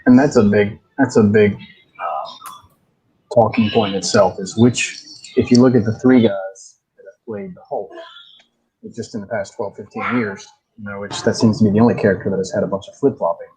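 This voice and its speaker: A man's voice: lowish voice, fairly even intonation, moderate pace, darkish tone, low-quality recording. A man co-hosting a casual movie review podcast, talking at length and posing questions to the others. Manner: expansive, asks the others questions. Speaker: podcast co-host.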